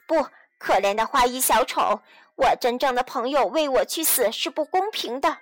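A woman's voice: high-pitched, expressive, moderate pace, no echo, soft background music. A woman voicing a brave young wooden boy puppet in a children's audio storybook, speaking out with a bold, earnest tone. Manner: pleading, then proud and bold.

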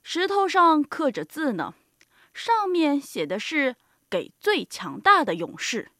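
A woman's voice: sits high, big pitch swings, takes it slowly, pushed and bright, dry recording, studio quality, full character voice. A woman voicing a boastful, crafty male lion in a storybook reading.

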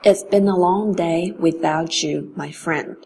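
A woman teaching English pronunciation in a relaxed spoken lesson. She reads English phrases slowly and then explains them in Mandarin. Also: lowish voice, creaky, a little hiss or hum.

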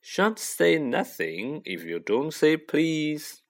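Slow, sing-song mischievous poltergeist. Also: male voice, on the high side, sing-song, pitched above the performer's own voice, heavily acted. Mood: smug teasing. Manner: drawn-out, gleeful, sing-song taunting.

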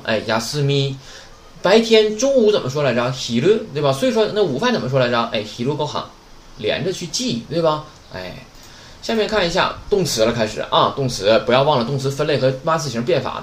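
Man, language teacher, lively swooping pitch, roomy echo, faint background noise. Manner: chatty, jokey, asks rhetorical questions. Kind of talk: vocabulary lesson lecture.

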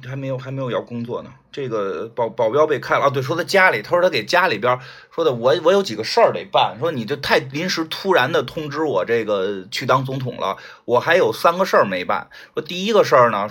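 A man's voice: medium pitch, fairly bright tone, husky. A man hosting a livestream, chatting casually and retelling a story, acting out the characters' lines with lots of fillers. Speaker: livestream host.

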